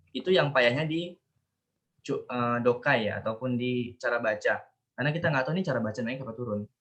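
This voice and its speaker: A man's voice: mid-range voice, fairly bright tone. Chatty man teaching an online class. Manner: chatty, explains with repeated fillers and restarts. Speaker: Japanese language teacher.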